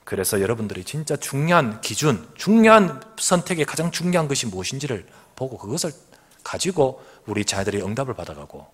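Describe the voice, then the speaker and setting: A man's voice: mid-range voice, brisk, slightly rough. A middle-aged man preaching a sermon as pastor, telling stories with laughter and acting out the voices of others. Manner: animated storytelling with laughter, acts out quoted voices. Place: church sanctuary.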